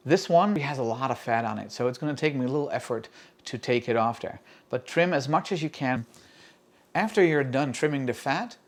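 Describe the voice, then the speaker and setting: A middle-aged man from the Netherlands, hosting his home cooking channel and explaining to camera in a friendly, steady way with small fillers. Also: medium pitch, a little fast. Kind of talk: casual cooking video to camera.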